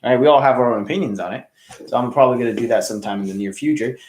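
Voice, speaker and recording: A man's voice: mid-range voice, very fast, a little mellow, echoey room. A man hosting a casual hookah review livestream, chatting loosely and greeting viewers by name. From California.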